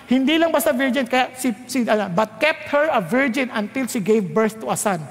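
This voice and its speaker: A man with a Filipino accent preaches to his congregation in a high, carrying voice. The sound rings with the long reverb of a large hall. He asks his listeners questions, reads verses slowly and low, and lifts to a near shout when he presses a point. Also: lively intonation, gravelly. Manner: quizzes the congregation, reads scripture slowly and low, rises loud when urging. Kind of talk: sermon.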